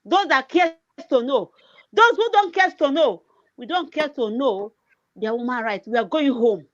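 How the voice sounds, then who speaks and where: This woman speaks in a high, lively voice at a normal speed, and the sound is lo-fi. She's an activist livestreamer with a Nigerian accent, English not her native tongue, delivering an impassioned political rant full of emphatic repetition and frequent "eh"s.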